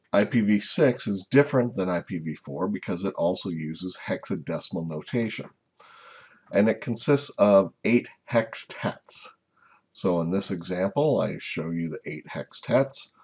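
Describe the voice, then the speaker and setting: Deep, husky-voiced man lecturing slides. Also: a little mellow, dull audio. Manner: unhurried, explanatory, frequent "uh" and "um" fillers. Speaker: instructor.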